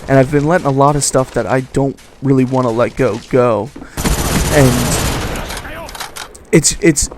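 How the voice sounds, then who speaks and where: A man in his twenties giving casual video game commentary, halting, stuttering and mumbling. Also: mid-range voice, fairly even intonation, background noise. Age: 20s. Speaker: gaming YouTuber doing commentary. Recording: voice over loud game gunfire.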